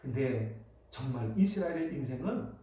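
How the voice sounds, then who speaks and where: A man's voice: mid-range voice, lively intonation, moderate pace, dark tone. A man preaching a Sunday sermon in a church, asking the congregation questions and answering them himself. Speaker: pastor. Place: church sanctuary. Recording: echoey church hall from far off.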